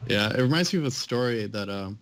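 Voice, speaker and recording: A man chatting casually as a podcast co-host, with hesitant, pausing phrasing. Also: mid-range voice, lively intonation, fairly bright tone, a little hiss or hum. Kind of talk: casual chat.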